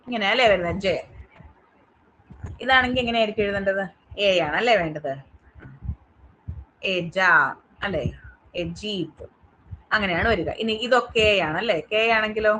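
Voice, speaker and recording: A woman's voice: medium pitch, normal speed, pauses often, sharp tone, a little hiss or hum, rough recording. A woman teaching an online English class with a Malayali accent, asking her students question after question to check they follow. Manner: asks the class many quiz questions, checking understanding.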